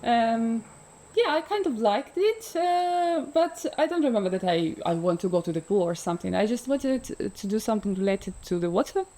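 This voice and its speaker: A Ukrainian freediver, probably in her thirties, chats as a guest in a relaxed interview, hesitating with lots of fillers and frequent laughter. Her voice is a little high, mellow and animated, at a moderate pace.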